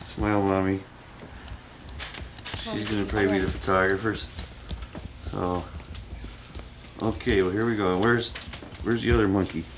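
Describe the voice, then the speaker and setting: A man's voice: fairly low pitch, background noise. A father filming a home video with the camcorder, chatting with and coaching his children in a casual, coaxing way, heard through old camcorder audio. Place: family home, indoors. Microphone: camcorder microphone.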